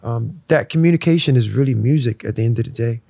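Gravelly-voiced Nigerian-born man, relaxed. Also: medium pitch, fast, dry recording. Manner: relaxed, reflective, filler-heavy. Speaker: musician guest. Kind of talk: casual interview talk.

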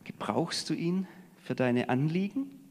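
A man with a fairly high voice delivers a sermon, talking to the congregation like a friend, then pressing a point hard or dropping almost to a murmur. His voice rings out with a long reverb trail, as in a large church hall. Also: lively intonation, unhurried. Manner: conversational preaching, swinging between emphatic and hushed. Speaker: preacher.

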